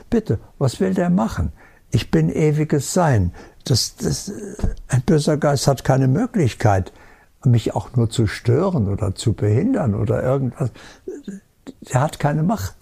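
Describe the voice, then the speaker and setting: Gravelly, husky-voiced man teaching calmly. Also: medium pitch, unhurried. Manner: calm, certain and emphatic, with rhetorical questions. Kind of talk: spiritual teaching talk.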